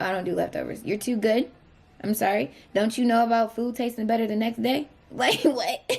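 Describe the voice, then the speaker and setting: A woman's voice: medium pitch, vocal fry, a little mellow. A woman doing a casual tarot reading, rambling and correcting herself as she goes, often asking if it makes sense. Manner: rambling, self-correcting, frequent fillers; asks the viewer if it makes sense. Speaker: tarot reader.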